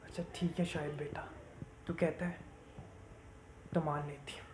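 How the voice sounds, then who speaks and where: A woman's voice: sits low, normal speed, natural voice. A woman as a weary, tender widowed mother. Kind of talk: amateur short-film acting. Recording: echoey room with steady background noise.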